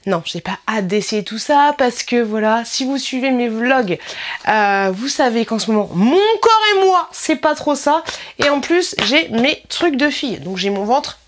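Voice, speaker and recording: A woman, chatting casually in a try-on vlog, often correcting herself and filling pauses. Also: fairly high pitch, animated, slight background noise. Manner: chatty, self-correcting, many fillers. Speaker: vlogger reviewing swimsuits.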